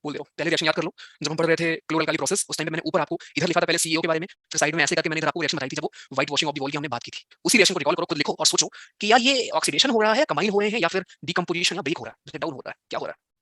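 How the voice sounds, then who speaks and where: Male teacher, very fast speech, bright sharp voice, dry close sound, teasing and scolding. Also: a little high, no room sound. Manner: teasing, scolds students by turns. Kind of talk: live online exam-prep class.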